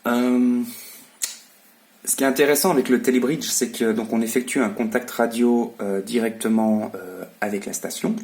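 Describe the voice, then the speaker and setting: A man explaining his radio hobby in a casual, hesitant vlog style, halting as he talks. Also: medium pitch, steady tone, darkish tone. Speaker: amateur radio hobbyist presenting.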